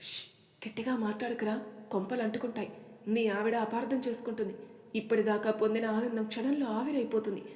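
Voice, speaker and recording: A woman's voice: on the high side, steady tone, fairly quick, darkish tone, lightly acted. A woman voicing a middle-aged maternal uncle who is affectionate and scolding, speaking in a fond, chiding way. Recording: echoey room with long reverb.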